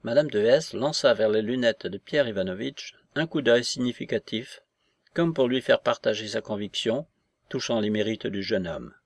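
A man reading a novel aloud in an even, measured narration. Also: mid-range voice, no echo, studio quality. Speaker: audiobook narrator. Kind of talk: scripted literary narration.

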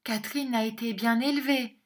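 A woman's voice: high voice, unhurried, pitched above the performer's own voice. A woman voicing a weary widowed mother who speaks in a faint, pleading voice, in an audiobook reading.

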